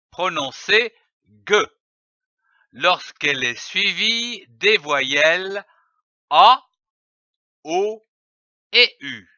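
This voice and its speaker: A man teaching early reading, slowly sounding out and spelling letters and syllables one by one. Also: fairly high pitch, sharp tone, no echo. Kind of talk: slow instructional reading lesson. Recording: dull lo-fi dry recording.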